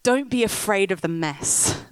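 Background noise sits under a woman's mid-range voice, animated and a little slow. On a big top tent stage, she preaches and tells a story while firing up the crowd.

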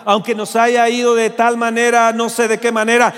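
A man preaching a fervent sermon in a church auditorium, often shouting, with a Mexican Spanish accent. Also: very high-pitched, monotone, moderate pace, clear, resonant tone, long reverb tail. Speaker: pastor.

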